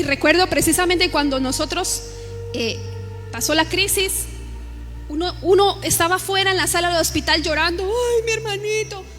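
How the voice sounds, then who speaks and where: Very high, bright-voiced woman pastor preaching. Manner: impassioned preaching with repeated rhetorical questions. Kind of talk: sermon.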